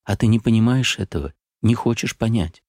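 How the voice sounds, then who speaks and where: A man's voice: on the low side, fairly quick, a little mellow, no room sound, studio quality, pitched above the performer's own voice, lightly acted. A man reading an audiobook, voicing a passionate, desperate young man who pleads with feeling. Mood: pleading. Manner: pleading, impassioned.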